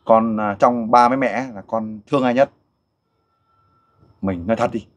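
A middle-aged man hosting a casual interview, coaxing and animated as he questions a child and a father. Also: mid-range voice, moderate pace. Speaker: host interviewer for a volunteer group.

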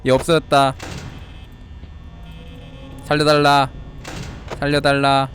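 A man voicing an emotionless male android in flat, clipped robotic statements during a horror game. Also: mid-range voice, slow, faint music behind. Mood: deadpan robotic.

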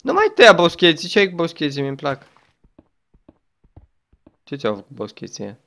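A man's voice: on the high side, wildly swooping pitch, a bit bright. A young man chatting his way through a game as a gaming YouTuber, exclaiming often and talking to the game and a friend. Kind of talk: let's play commentary.

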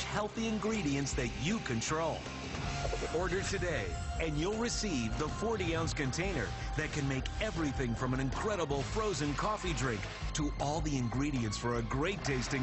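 A man reading a scripted home shopping sales pitch as an infomercial announcer, with emphatic, enthusiastic selling. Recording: music bed behind TV advert voice-over. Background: music.

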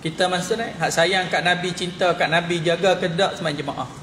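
A man's voice: sits high, steady tone, a little fast, fairly bright tone. A middle-aged man with a northern Malaysian Malay accent, giving a mosque lecture as a religious teacher and scolding his listeners with repeated rhetorical questions. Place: madrasah lecture hall. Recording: echoey hall, faint background noise.

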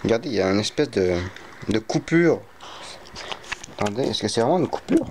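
A man's voice: lowish voice, lively intonation, brisk, a little mellow, slight background noise. A young man chatting casually to camera in a vlog, playful and prone to mock panic. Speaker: vlogger.

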